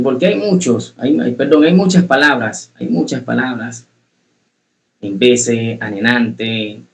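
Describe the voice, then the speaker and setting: A man's voice: medium pitch, poor audio. A man teaching a public speaking class, earnest, repeating key phrases for emphasis and asking students questions directly. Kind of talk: online class lecture.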